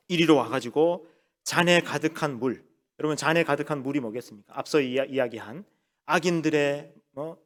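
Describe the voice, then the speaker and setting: A male pastor preaching a sermon with emphasis, asking the congregation rhetorical questions and slowing down to lean into key phrases. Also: on the high side.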